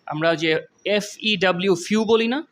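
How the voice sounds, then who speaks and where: A young man, teaching English vocabulary in a casual lesson, reading English examples slowly and explaining them with many fillers. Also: sits high, fairly bright tone. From Bangladesh. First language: Bengali.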